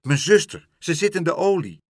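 A man voicing a frantic male seagull with a wooden leg, shouting shrilly in a children's story. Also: a little high, sing-song, slow pace, husky, no room sound, studio quality, voice pushed up, full character voice. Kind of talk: storybook reading.

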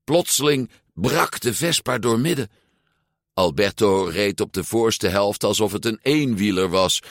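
Unhurried expressive male storyteller. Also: lowish voice, gravelly, no room sound, clean studio sound. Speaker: narrator. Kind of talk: storybook reading.

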